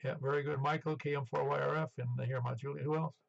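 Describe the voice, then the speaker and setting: Man in his seventies, gravelly fry, slightly raised pitch, muffled two-way radio, net controller, rambling casual check-in talk. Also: steady tone, fast, slight background noise. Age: 70s. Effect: two-way radio transmission. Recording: dull band-limited ham radio audio.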